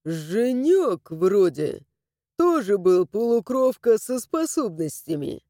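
Woman doing a mocking crow-like dragon, lowered and drawling, dark and mellow, dry storybook read. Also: very animated, slow pace, dry recording. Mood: sardonic. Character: sardonic male dragon like a big crow. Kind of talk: audiobook character voicing.

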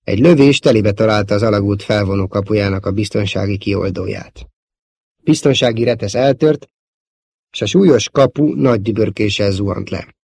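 A man narrating a novel as an audiobook in a steady, measured reading. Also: fairly low pitch, creaky, husky, dry recording, clean studio sound.

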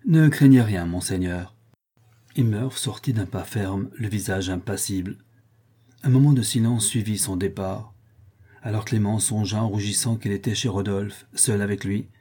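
A man narrating a classic novel in a measured, steady manner. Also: fairly low pitch, breathy edge. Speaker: audiobook narrator. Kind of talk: scripted narration.

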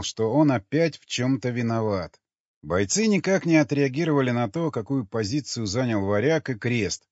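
A man narrating an audiobook in an expressive storytelling manner. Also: mid-range voice, no echo. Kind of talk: scripted narration. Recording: dry, dull lo-fi sound.

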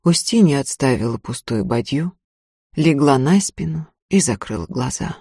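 A woman's voice: a bass voice, animated, normal speed, mellow, breathy edge, no echo. Woman narrating a novel, dry close sound. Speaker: audiobook narrator.

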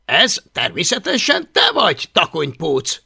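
A man's voice: a little high, huge pitch swings, gravelly, sharp tone, husky, heavily acted. A man reading an audiobook and voicing a sarcastic, scrawny teenage Viking boy who mocks in a dry way. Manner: sarcastic, mocking.

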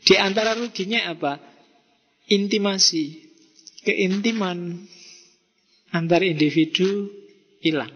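A man with a Javanese accent giving a lively philosophy lecture to students, mixing in Javanese phrases and acting out quoted messages. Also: high voice, slow, pauses often, lo-fi sound, slight background noise. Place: mosque hall. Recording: reverberant hall.

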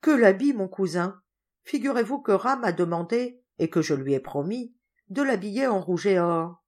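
A woman voicing a lively, brisk governess who chides and teases in a storybook reading. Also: mid-range voice, lightly acted.

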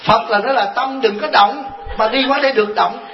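A man's voice: very high voice, fairly even intonation, brisk, a crowd in the background. A man, a Buddhist monk giving a folksy, joking dharma talk full of rhetorical questions. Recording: dull lo-fi recording.

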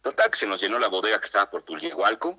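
A middle-aged man with a Mexican accent, a voice actor telling lively stories as a radio interview guest and acting out what others said. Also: lowish voice, racing, slightly rough, dull audio. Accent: Mexican Spanish. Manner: animated, acts out quoted voices.

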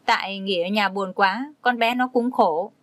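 A woman voicing a gentle, protective older mother-in-law who soothes and pleads. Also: mid-range voice, unhurried, no echo, natural voice. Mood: soothing.

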